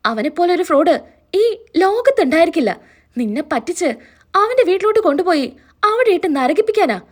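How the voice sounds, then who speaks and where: A woman's voice: high voice, pitched above the performer's own voice. A woman retelling a story, voicing an angry middle-aged mother who scolds her daughter harshly. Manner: harsh, scolding, rapid bursts.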